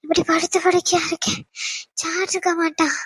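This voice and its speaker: This is a frail elderly mother near death in an animated drama, with a woman doing the voice. The voice sits very high and thin, soft and weak, and keeps running out of breath. It is recorded dry and close. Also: fairly quick, no echo. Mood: weak, caring. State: short of breath.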